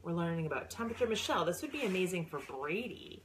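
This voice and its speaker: A woman's voice: lowish voice, fast talker, slight background noise, rough recording. A middle-aged woman gushing over new books in a casual unboxing vlog, squealing and gasping with delight. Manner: gushing, excitable, squeals and gasps. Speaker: book seller and former science teacher.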